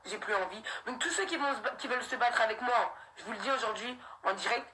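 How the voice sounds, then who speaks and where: A woman's voice: on the high side, quick pace, bright, forceful tone, slight background noise, poor audio. A young woman, speaking on a live stream in a defiant, slangy rant that keeps circling back on itself, laughs breaking in. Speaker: livestreamer addressing her followers.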